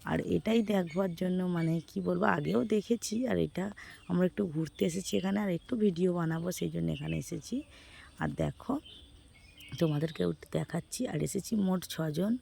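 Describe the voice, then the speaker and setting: A hoarse woman from West Bengal narrating her casual vlog outdoors, chatting with viewers as friends. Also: fairly low pitch, moderate pace, mellow, slight background noise. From West Bengal, India. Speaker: vlogger.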